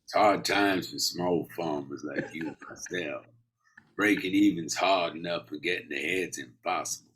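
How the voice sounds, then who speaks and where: A man's voice: deep voice, normal speed, a bit bright, husky, pitched below the performer's own voice. A man doing a weary Southern farmer. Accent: American Southern. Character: weary rural male farmer with Southern drawl.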